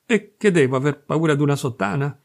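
A man's voice: a little high, brisk, creaky. A male reader voicing a brash, mocking freethinking Parisian man who talks boastfully and scornfully.

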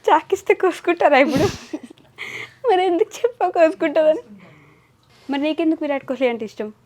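A woman's voice: high voice, brisk, darkish tone. A young adult woman interviewing a young guest in a playful, teasing way. She chats loosely and laughs often.

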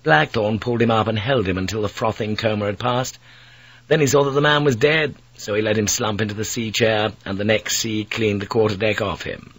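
A man's voice: fairly low pitch, steady tone, fairly quick, husky. A man narrating an audiobook in a vivid, dramatic storytelling manner. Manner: vivid storytelling, shouts the characters' cries.

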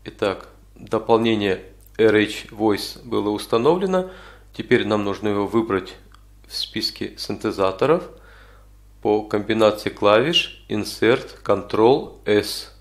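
A man with a lowish voice leads an informal software tutorial. He explains each step as he goes, pausing now and then to find the next word. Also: animated. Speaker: tutorial instructor. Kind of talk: informal spoken software walkthrough.

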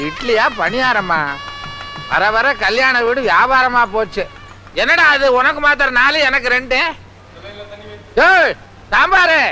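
An actor playing a grumpy, quarrelsome middle-aged wedding guest in a film comedy, talking in a sarcastic, scolding way. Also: male voice, extremely high pitch.

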